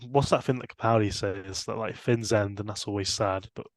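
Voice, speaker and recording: A young man co-hosting a casual podcast chat, animated and laughing often. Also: moderate pace, no echo. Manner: animated, laughs often, rising pitch when excited. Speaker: podcast co-host.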